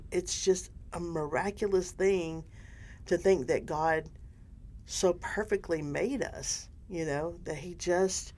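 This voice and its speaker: An older woman co-hosting a casual faith discussion, animated and rambling, often restarting her sentences. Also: sits low. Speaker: podcast co-host.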